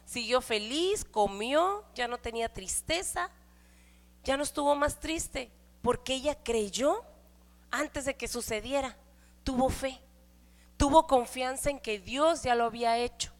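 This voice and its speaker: A middle-aged woman with a Mexican Spanish accent, giving a conversational sermon in church with frequent rhetorical questions. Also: a little high. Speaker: church speaker. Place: church hall. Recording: hall reverb.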